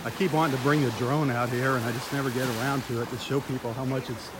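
Walking along a beach, a man hosts a live stream, talking chattily and enthusiastically straight to viewers through a handheld phone. He's a fast talker with a medium pitch and fairly even intonation, over loud surf and wind.

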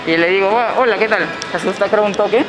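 A young man, vlogging and retelling street encounters in a quick, animated way, quoting what was said. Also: high-pitched, over music, poor audio. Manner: fast, animated retelling with quoted lines. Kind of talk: casual storytelling. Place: indoor shopping mall and supermarket. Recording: loud mall background noise.

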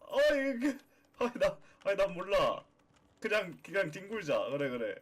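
Excitable high-voiced male game streamer. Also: a little slow. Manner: playful, excitable, shouts and cheers while playing. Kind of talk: live game stream chat.

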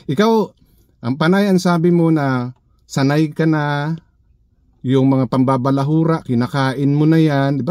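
A man's voice: fairly high pitch, dark tone, no echo, clean studio sound. A man giving sarcastic, needling reaction commentary in his vlog, full of rhetorical questions. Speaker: vlogger.

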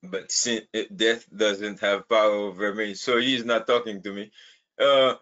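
A man teaching a Bible class in a lively, animated way, often laughing and breaking into emphatic high bursts. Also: a little slow. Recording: dull lo-fi recording.

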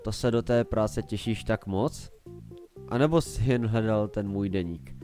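A loud, unhinged male night guard with a growling, snide edge and a low voice, as a storyteller puts him on. He sounds manic and barely holding it together, with faint music behind him in this storybook reading. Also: lightly acted, poor audio.

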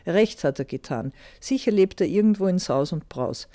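A grumpy second son from a fairy tale who grumbles his way out of every hardship, voiced by a woman reading aloud. The tone is sulky and mellow. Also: lowish voice, animated, normal speed, dry recording, lightly acted. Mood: grumbling. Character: grumpy, selfish young man, second son.

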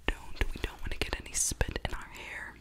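A woman in a whispered role-play, whispering very close to the mic with wet mouth sounds, repeating trigger words slowly and playfully. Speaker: ASMR creator. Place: small living room, indoors. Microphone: desktop condenser microphone, very close.

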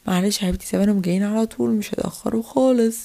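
Strict Egyptian babysitter, curt and fast, woman voicing. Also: medium pitch, gravelly, warm tone, lightly acted. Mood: soothing. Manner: bossy, scolding. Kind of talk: toy play voice acting.

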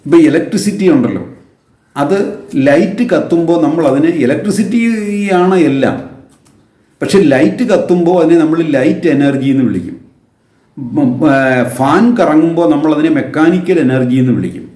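A man giving a religious lecture on a Sanskrit hymn, patiently explaining with everyday examples and slowly drawing out the sacred names. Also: a little high, expressive, dark tone, roomy sound. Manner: slow, drawn-out chanting of sacred names.

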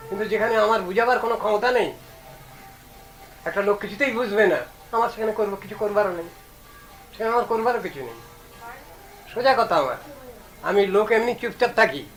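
High-voiced man preaching emphatically. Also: fairly bright tone, rough recording. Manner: rhetorical, emphatic questioning. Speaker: Vaishnava preacher. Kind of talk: devotional discourse.

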